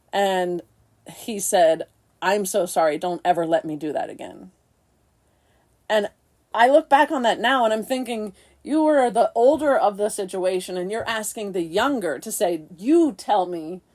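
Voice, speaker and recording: Woman co-host on a podcast, lowish voice, soft and halting, telling her own story, restarts a lot. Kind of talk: candid personal storytelling.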